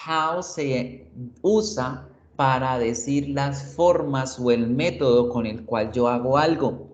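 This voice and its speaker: Slow-talking man teaching a class. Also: mid-range voice, muffled recording, slight background noise. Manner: explains slowly, checks in with "right?" and "¿sí?". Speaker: English teacher. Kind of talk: online video class.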